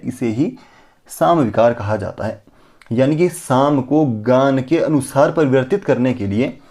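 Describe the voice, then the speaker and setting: A Sanskrit teacher, a man with a plain mid-range voice and a slightly mellow quality, gives an exam-prep lesson close to the mic. He poses rhetorical questions to himself and answers them at once, occasionally slowing to stretch out chanted syllables as examples.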